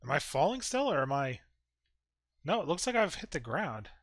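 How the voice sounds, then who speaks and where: Wry man with a lively voice, playing a game. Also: on the high side, normal speed, no echo, clean studio sound. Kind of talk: casual game commentary.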